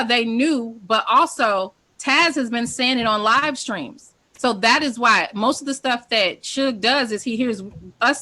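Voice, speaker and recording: A woman's voice: fairly high pitch, bright, forceful tone. A woman talking on a casual group call, defending herself with emphatic, profane storytelling.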